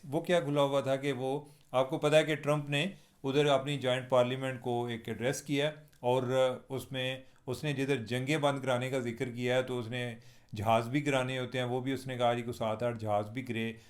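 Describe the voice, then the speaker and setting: With a medium pitch, level tone and normal speed, this Pakistani journalist gives chatty, wry commentary to viewers on his own channel in a casual vlog. He speaks with a Pakistani Urdu accent touched by Punjabi.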